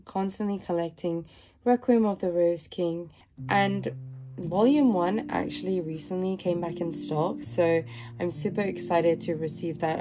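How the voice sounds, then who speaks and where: A young woman with a nasal, stuffed-up voice after being ill, chatting upbeat through a casual manga unboxing vlog. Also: lowish voice. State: nasal from a cold. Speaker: manga vlogger.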